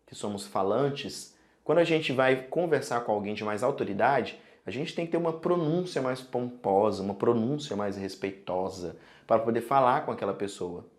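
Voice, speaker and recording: A man with a Brazilian Portuguese accent teaching sign language in an online tutorial, explaining in a lively way and often checking in with the viewer. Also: medium pitch.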